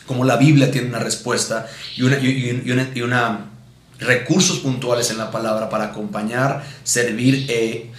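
This Mexican-accented man, a pastor teaching at a missions conference, reads from the Bible and drives his sermon home by repeating points and posing rhetorical questions. He speaks at medium pitch and normal speed with fairly even intonation. The recording echoes around the room and carries a little hiss or hum.

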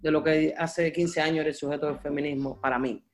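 A man's voice: on the high side, steady tone, fairly quick. A man speaking as a guest artist and activist in a radio interview, passionate, often repeating and searching for words.

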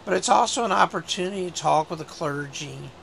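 A man who is a bishop hosting a faith talk show in a relaxed, conversational way, his voice hoarse from a cold. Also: sits high, brisk, slight background noise. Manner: relaxed, conversational, with frequent fillers. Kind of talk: casual religious talk show.

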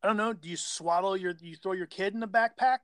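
A man's voice: high-pitched, fast, no echo, studio quality. A man co-hosting a casual chat, teasing and stubbornly arguing his side. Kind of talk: casual banter.

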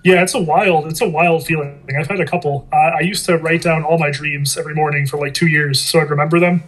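A man's voice: a little high, fairly even intonation, quick pace, a bit bright, low-quality recording. A man co-hosting a podcast in playful, jokey casual chat. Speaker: podcast co-host.

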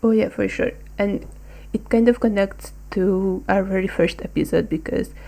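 A woman's voice: mid-range voice, moderate pace, vocal fry, dark tone, low-quality recording. A young woman from Hungary co-hosting a casual discussion podcast, talking hesitantly with many ums. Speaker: podcast co-host.

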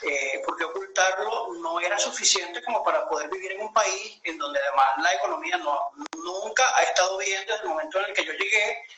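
Venezuelan man, bright echoey video call. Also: high voice, lively intonation, a little fast, hardly any pauses, faint music behind. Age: 30s. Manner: reflective storytelling, many hesitations and restarts. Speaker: interview guest. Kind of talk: conversational interview over a video call.

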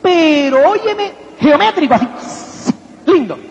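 A man giving a motivational seminar talk to an audience, rhetorical and animated, constantly asking if they follow him. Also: very high-pitched, slow pace, gravelly, background noise. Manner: rhetorical, keeps asking "¿me entiendes?"; acts out little quoted voices and anecdotes. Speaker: motivational speaker. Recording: echoey hall, dull lo-fi sound.

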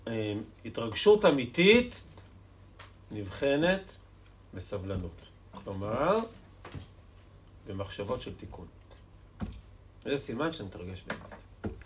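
A man, a rabbi, giving a Torah lesson to a live audience with impassioned rhetorical questions that swing from hushed tones to loud emphasis. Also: mid-range voice, sing-song, long pauses, a little hiss or hum.

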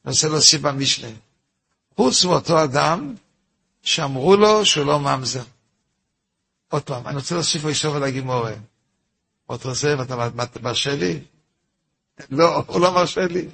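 A rabbi tells a long story during a Torah lesson, his voice fairly high and full of gravel. He has a husky, raspy edge. He repeats himself, poses his own rhetorical questions and breaks off to ask his listeners things. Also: pauses often, fairly bright tone. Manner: repetitive, asks himself rhetorical questions, informal asides to listeners.

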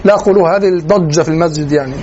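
An Egyptian-accented lecturer in Quranic sciences gives a classroom lecture, switching between colloquial and formal Arabic and checking in with his students as he explains. His voice is fairly high, warm, and racing. The room recording is dull and lo-fi with faint noise.

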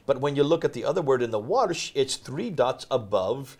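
A man hosts a discussion and explains texts point by point. His pitch swings widely as he stresses each point, and his delivery is emphatic and teacher-like. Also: expressive, moderate pace, a little mellow. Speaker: host.

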